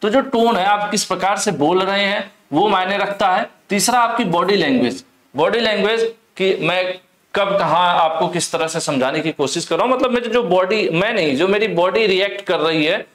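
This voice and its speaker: A young man teaching an exam-prep lesson, explaining slowly, repeating key words and reading English questions aloud. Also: high-pitched, fairly bright tone. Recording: echoey room.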